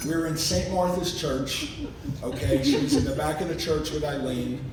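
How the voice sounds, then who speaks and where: Speaking at normal speed, the father of the bride, aged 50 or older, offers guests an informal, anecdotal toast in a large reception room. He acts out quotes in jokey family stories, and a distant mic captures the echoey, noisy hall and its low rumble.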